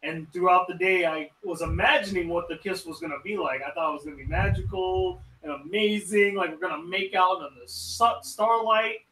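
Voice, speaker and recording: High-voiced young man ranting. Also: a little hiss or hum. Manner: animated, ranting, quick asides. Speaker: host. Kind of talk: casual live-stream chat.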